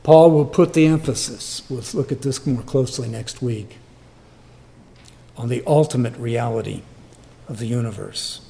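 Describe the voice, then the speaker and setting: A male pastor preaching a sermon, repeating phrases for emphasis and swinging between loud stresses and hushed near-whispers. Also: medium pitch, moderate pace, creaky.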